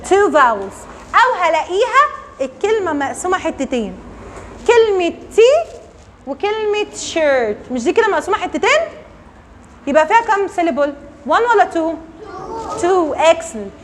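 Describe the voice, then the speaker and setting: A woman's voice: extremely high pitch, sing-song, fast talker, fairly bright tone, a little hiss or hum. A woman with an Egyptian Arabic accent teaching young pupils, asking the same question again and again and calling children by name. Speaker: primary school English teacher. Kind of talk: children's lesson explanation.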